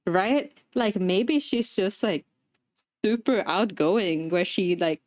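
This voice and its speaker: A woman's voice: medium pitch, slow pace, darkish tone, no echo. A young adult woman livestreaming, telling a story in a rambling casual chat with lots of fillers while assembling a craft. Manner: chatty, rambling, many fillers, laughs often.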